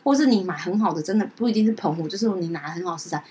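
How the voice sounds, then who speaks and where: A woman's voice: fairly low pitch, racing. A young woman with a Taiwanese Mandarin accent, co-hosting a casual podcast chat and acting out family conversations. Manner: animated storyteller, acts out her mother's lines. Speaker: podcast co-host.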